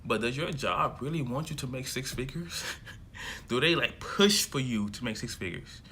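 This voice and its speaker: Speaking at a moderate pace with a medium-pitched, pushed and bright voice, this self-development vlogger is a young adult man from America in his early twenties. He addresses the camera in a loose, casual monologue, stumbling through fillers and restarts. Slight background noise is audible.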